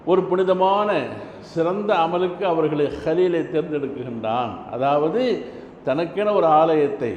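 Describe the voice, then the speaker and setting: A man preaching a Friday sermon in a large mosque hall, in a measured voice with rhythmic lists of phrases. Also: on the high side, a little mellow. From Tamil Nadu, India. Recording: echoey mosque hall, muffled lo-fi with faint hum.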